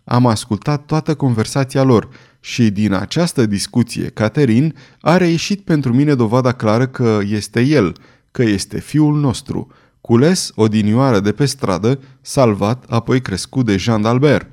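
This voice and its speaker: A man's voice: mid-range voice, darkish tone, lightly acted. Anxious old court astrologer confiding a secret, as a man reads him; audiobook character, tense and pleading. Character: fearful aging male court astrologer.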